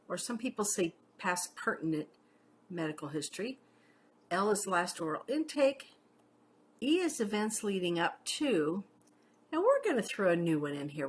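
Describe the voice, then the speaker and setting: A woman's voice: mid-range voice, a little hiss or hum. A middle-aged woman paramedic teaching a class in a casual, chatty way, often checking in with "okay?" and telling personal stories. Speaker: paramedic instructor.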